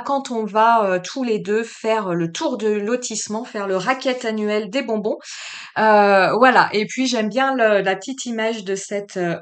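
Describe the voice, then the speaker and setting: A woman hosting a craft tutorial, chatting casually to her viewers and filling pauses with frequent "euh" and "hein". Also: a little high. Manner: friendly, talks straight to the viewers. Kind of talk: casual how-to narration.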